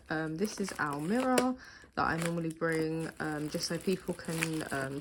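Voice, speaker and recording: Chatty low-voiced woman, noisy room. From United Kingdom. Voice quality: filler-heavy, chatty, thinking aloud. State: slightly out of breath. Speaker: small business owner. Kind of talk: casual vlog walkthrough.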